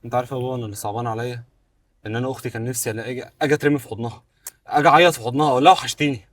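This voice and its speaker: A man's voice: medium pitch, fairly even intonation, rapid-fire, fairly bright tone, a little hiss or hum, close to an everyday voice. A young man with an Egyptian accent playing a loyal, determined son who speaks earnestly. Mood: tender. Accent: Egyptian Arabic. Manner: earnest and emphatic. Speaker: son returning home. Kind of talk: web drama acting.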